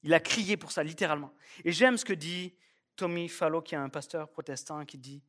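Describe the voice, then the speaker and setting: Man preaching a sermon, fairly high voice, emphatic, repeats key lines. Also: fairly quick, fairly bright tone. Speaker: pastor. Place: church service.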